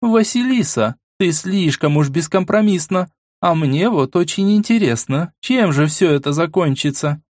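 A man voicing a calm noblewoman who speaks in a soothing, conciliatory way. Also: fairly high pitch, unhurried, hardly any pauses, no room sound, clean studio sound, pitched above the performer's own voice. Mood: placating.

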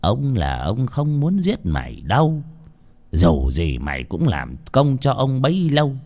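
A man's voice: mid-range voice, huge pitch swings, measured pace, a little mellow, exaggerated voice. A man voicing a cruel old village chief who gives cold, dismissive orders. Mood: menacing.

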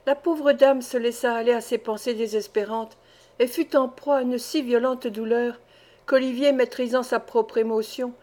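A woman reading a classic novel aloud as an audiobook, in a measured literary manner. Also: fairly high pitch, darkish tone. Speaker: audiobook reader.

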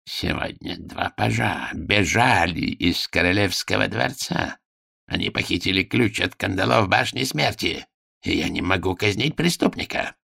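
A man's voice: expressive, measured pace, vocal fry, pushed and bright, breathy edge, no echo, clean studio sound, heavily acted. A man voicing a cruel, scheming court minister who threatens and gives orders. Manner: menacing, squeaking when enraged.

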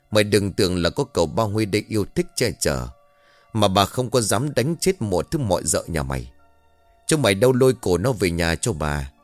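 A man's voice: sits low, no room sound. A man doing a cruel, hissing landlady. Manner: hissing, contemptuous scolding. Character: cruel arrogant landlady, middle-aged woman.

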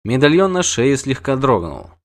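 A man narrating a fantasy audiobook in an expressive, varied reading. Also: medium pitch, normal speed.

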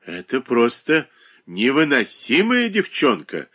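A man voicing a capricious, childish young married woman who whines and pouts in a high, drawn-out voice. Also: sing-song, fairly bright tone, husky, full character voice. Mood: petulant scolding.

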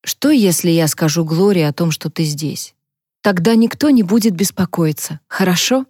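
A gentle older mother, read by a female narrator, speaks in a soothing, caring tone. Her voice sits low for a woman, and it is recorded dry and close. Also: normal speed, dry recording, natural voice.

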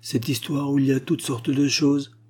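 A man's voice: mid-range voice, steady tone, moderate pace, warm tone, slightly rough, voice pushed up, close to an everyday voice. A man reading aloud, voicing an earnest, exacting little schoolgirl taking dictation, with fussy, eager questions. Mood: curious.

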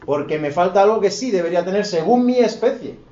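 A man's voice: high-pitched, expressive, a little fast, warm tone. A man from Spain lecturing a class on philosophy, firing rhetorical questions and teasing his students in colloquial asides. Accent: Spain Spanish. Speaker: philosophy teacher. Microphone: distant room mic. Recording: echoey, dull classroom audio from far off.

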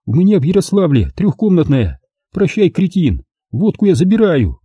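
A man's voice: high voice, huge pitch swings, moderate pace, warm tone, husky, no room sound, lo-fi sound, exaggerated voice. A man voicing a curt, cutting woman teacher, the heroine of the story. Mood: angry, scornful. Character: sharp-tongued woman teacher, the brother's sister.

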